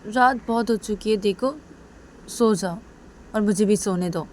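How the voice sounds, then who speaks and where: A woman's voice: medium pitch, a little slow, slight background noise, pitched above the performer's own voice, close to an everyday voice. A woman voicing a weary young woman who curtly brushes off her partner's concern. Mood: impatient. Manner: curt, dismissive.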